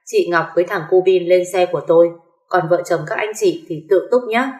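A woman's voice: fairly low pitch, fairly quick, darkish tone, natural voice. A woman voicing a stern, commanding older father-in-law in an echoey room. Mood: firm.

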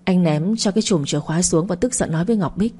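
A woman narrating a dramatic family story in a steady, scripted reading. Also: lowish voice, fast, husky.

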